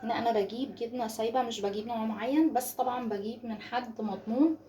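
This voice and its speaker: A woman's voice: a little high, fast. A woman with an Egyptian accent hosting a casual home cooking tutorial, chatty and coaxing as she talks her viewers through each step in her kitchen. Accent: Egyptian Arabic. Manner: chatty and warmly coaxing, addresses viewers as ladies. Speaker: home cooking channel host.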